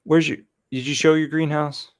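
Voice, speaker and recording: A man's voice: fairly high pitch, flat delivery, moderate pace, smooth, no echo, clean studio sound. A man co-hosting a casual stream, asking curious questions and reading names from the chat.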